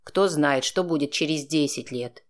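A man narrating a first-person audiobook in a steady, dry, sardonic tone. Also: on the high side, normal speed.

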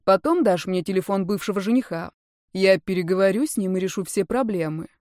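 A woman's voice: medium pitch, fairly quick, darkish tone, dry recording, lightly acted. A woman reading a story, voicing a blunt, decisive young man in a dry, matter-of-fact tone close to her own voice. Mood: curt.

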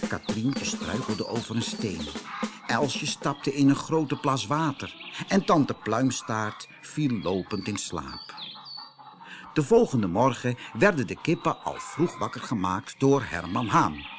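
Male storybook narrator, unhurried, with a lively, storytelling lilt. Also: mid-range voice, faint music behind. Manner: slow, lively, storytelling intonation. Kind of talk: storybook reading.

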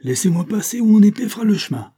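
A man voicing a brave young army lieutenant in an audiobook, forceful and accusing. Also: medium pitch, fairly quick, voice pushed up, natural voice. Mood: defiant. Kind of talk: audiobook character reading.

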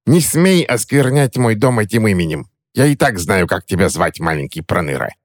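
A man's voice: on the low side, big pitch swings, moderate pace, dry recording, studio quality, pitched above the performer's own voice. A man voicing a suspicious, cranky old woman who threatens and snaps at an intruding boy, in a storybook reading. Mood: menacing. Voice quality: sharp, snapping, mocking.

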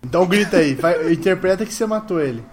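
A man's voice: high-pitched, lively intonation, fast talker, over music. A man with a Brazilian Portuguese accent running a live tabletop game as game master, laughing, swearing and teasing his players.

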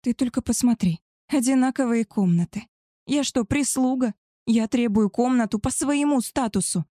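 A woman's voice: on the high side, a little fast, dark tone, dry recording, studio quality, voice pushed up, close to an everyday voice. A woman voicing a spoiled, demanding young female werewolf in a spoken story, talking petulantly and with indignation.

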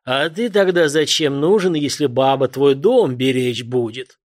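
A man voicing a gruff ancient warrior god who speaks slowly and scornfully, with heavy pauses. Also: medium pitch, close to an everyday voice. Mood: stern. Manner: slow, weighty, scornful pronouncements.

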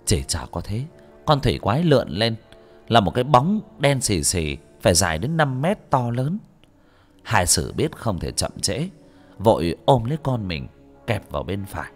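Brief: male story narrator, lowish voice with lively pitch, faint music behind. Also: normal speed. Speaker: audiobook narrator.

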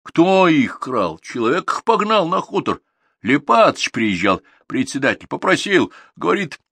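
A man's voice: big pitch swings, a little slow, vocal fry, bright, forceful tone, husky, dry recording, studio quality, heavily acted. A male audiobook reader voicing an elderly grandfather herdsman who sounds worried and meek. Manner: worried, high-pitched exclamations.

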